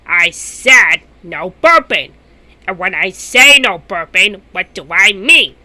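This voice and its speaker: A woman's voice: medium pitch, lively intonation, takes it slowly, bright, forceful tone, heavily acted. A woman voicing an irritable, scolding adult male octopus in an amateur cartoon skit. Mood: stern scolding. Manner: exasperated, scolding.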